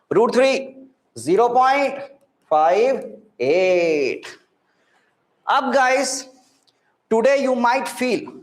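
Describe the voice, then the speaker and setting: Man, Indian accent, high-pitched, physics teacher, interactive online class, repetitive questioning, Hindi-English mix, echoey room. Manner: repeats phrases, asks frequent checking questions; mixes Hindi words into English.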